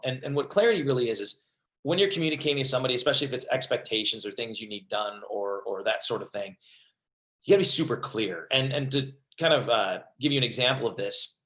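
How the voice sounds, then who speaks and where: A man's voice: medium pitch, a bit bright. A man in his thirties giving an upbeat, conversational webinar presentation on leadership, with frequent fillers.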